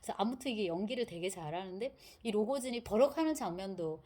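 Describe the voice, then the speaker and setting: A woman explains a classic novel in a relaxed, talkative lecture, with a voice at an ordinary middle pitch. She moves easily between commentary and vivid retelling, and acts out the characters as she goes. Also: fast. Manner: lively storytelling, acting out quotes. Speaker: literature lecturer and translator. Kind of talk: casual literature lecture.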